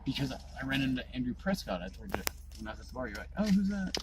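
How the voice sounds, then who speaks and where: An excitable man talks quickly in a car, swearing as he goes. His voice swings up and down a lot. He sounds distant from the phone, with loud road noise behind him. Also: mid-range voice. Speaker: vlogger hunting scooters. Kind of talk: casual chat while driving. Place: in a car, then outdoors on a street. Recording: distant mic, loud traffic and wind noise.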